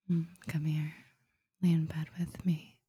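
A woman whispering softly into a close mic in a soothing roleplay, with long murmured hums and hushing. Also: low-pitched, slightly rough, no room sound. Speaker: ASMR roleplay performer.

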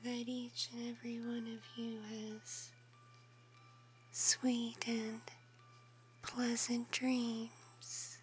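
A doting mother fox, whispered by a woman, murmurs to her kits in a hushed bedtime storybook voice. Her words come very slowly and stay level in tone, higher-set and feathery, with faint music drifting behind her. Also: monotone. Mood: tender. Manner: soft whispering, soothing and affectionate. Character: doting mother fox, female, adult, tender and protective. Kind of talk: ASMR roleplay, bedtime storytelling.

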